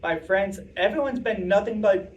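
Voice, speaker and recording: Chatty young man, slightly high voice. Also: expressive, moderate pace, highs cut off. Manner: chatty, rambling, self-interrupting with fillers. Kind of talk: casual talk answering audience questions. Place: meeting room with audience. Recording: distant voice with faint room noise.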